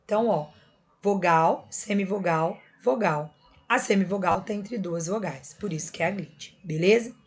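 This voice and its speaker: A woman's voice: mid-range voice, moderate pace. A woman teacher explains a lesson patiently and step by step, checking in often with her students. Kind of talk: recorded classroom lesson.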